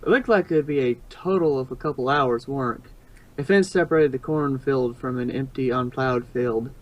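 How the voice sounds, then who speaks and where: A man with a medium-pitched voice reads fan fiction aloud as narrator at normal speed, in a casual storybook style, with the high frequencies cut off. His reading is informal, and he sometimes stumbles and rereads a phrase.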